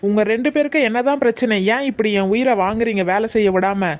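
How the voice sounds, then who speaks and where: A harried husband, played by a performer in a comedy skit who is stuck between his wife and his mother. He pleads and placates in a mid-pitched voice, trying to calm everyone down. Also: a little fast, natural voice. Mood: placating.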